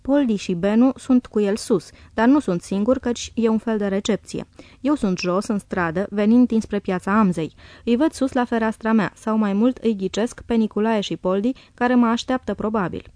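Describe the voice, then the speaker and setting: Woman calmly reading a diary, dry sound. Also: a little high, no room sound. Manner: calm, measured reading. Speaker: audiobook reader. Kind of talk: scripted narration of a diary.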